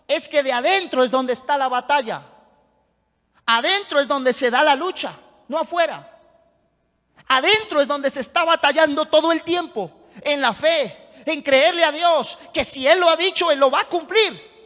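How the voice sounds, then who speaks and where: A man's voice: very high-pitched, normal speed, pushed and bright, big-room sound. A man preaching a sermon as pastor, emphatic and rousing, calling on the congregation to answer back.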